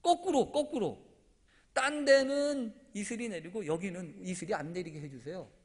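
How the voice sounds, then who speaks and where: A man's voice: high voice, moderate pace, close to an everyday voice. A preacher acting out a timid pleading man. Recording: echoey church hall.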